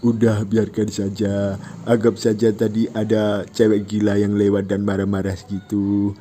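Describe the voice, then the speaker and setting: A man voicing a confident young male friend in a comic recap, speaking loud and blunt. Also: lowish voice, monotone, normal speed, slight background noise, natural voice.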